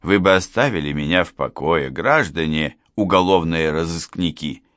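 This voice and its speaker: A man's voice: deep voice, moderate pace, fairly bright tone, no room sound. Man doing a fretful old retired postman. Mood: plaintive. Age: older. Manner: plaintive, wordy, self-pitying.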